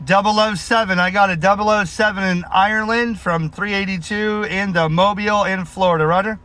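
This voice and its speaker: A man with a high-pitched voice makes CB radio calls from inside a vehicle. He delivers call signs and sign-offs in an informal, friendly way. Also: fairly even intonation, fairly quick, bright, forceful tone, no room sound. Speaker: mobile CB radio operator.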